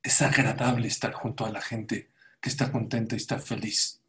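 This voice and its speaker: In a lowish voice at normal speed, a man preaches a sermon built around stories. He tells them with animation, acting out the voices of the people he quotes.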